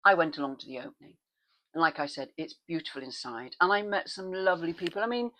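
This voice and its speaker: A woman's voice: fast talker, slight background noise, poor audio. A woman vlogging in a casual chat, rambling through asides and restarts. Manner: animated, with sudden pitch leaps when excited.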